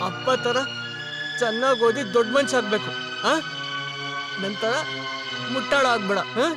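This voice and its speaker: A rambling, maudlin drunk brother in a film, his voice pitched very high. He repeats himself and pleads. Loud film music plays under him throughout. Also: moderate pace. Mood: remorseful. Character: drunk, debt-ridden younger brother, emotional. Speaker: film character in a dub. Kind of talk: dubbed film acting. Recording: loud film score behind the voice.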